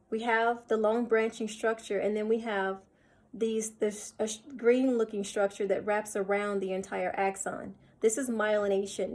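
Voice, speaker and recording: Female lecturer, mid pitch, talks through slides step by step, repeats herself, frequent um and uh. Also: a little mellow. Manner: explains step by step, repeats points, many fillers and restarts. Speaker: teacher. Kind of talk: recorded lecture over slides.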